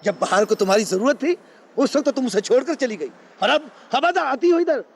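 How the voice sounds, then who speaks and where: A man's voice: very high voice, animated, fairly quick, exaggerated voice. An actor playing a stern, angry father who scolds harshly and raises his voice, with drama score music behind. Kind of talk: 1980s TV drama acting.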